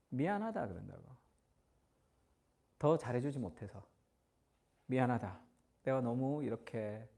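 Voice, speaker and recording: A male pastor preaching a Sunday sermon, telling stories and acting out the voices he quotes. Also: a little high.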